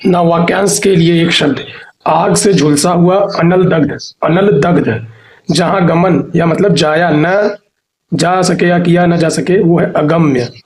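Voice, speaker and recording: A man's voice: fairly high pitch, takes it slowly. A man teaching an exam preparation lesson who reads out word lists and repeats each answer. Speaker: Hindi teacher.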